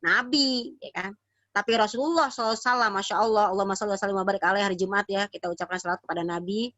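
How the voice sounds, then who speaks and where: A woman's voice: medium pitch, fairly even intonation, very fast, fairly bright tone, dry recording. A woman preacher with a Jakarta Betawi accent gives a casual, slangy religious talk over a video call, acting out quoted prayers. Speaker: female preacher. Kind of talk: virtual religious study talk. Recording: dry, dull lo-fi online call audio.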